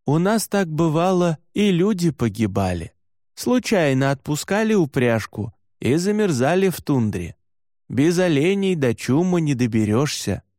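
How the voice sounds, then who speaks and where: A man reading an audiobook, voicing an older reindeer herder who gives steady, practical instructions. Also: fairly high pitch, a little slow, dry recording, studio quality. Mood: approving. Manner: steady instructing, calls out loudly from afar. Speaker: reindeer herder teaching the boy.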